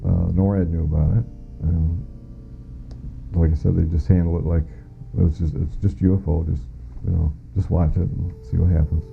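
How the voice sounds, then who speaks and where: In a muffled lo-fi interview with soft music behind it, a middle-aged American man testifies to what he personally witnessed. Once an air traffic controller, he speaks matter-of-factly at a moderate pace. His voice is low and creaky, with little pitch variation.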